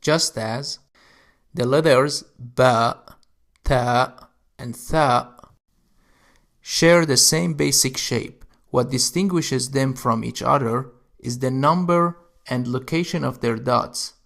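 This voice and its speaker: A man's voice: mid-range voice, slow pace, vocal fry, a bit bright. A man teaching Arabic letters, explaining how to write each one step by step. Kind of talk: instructional narration.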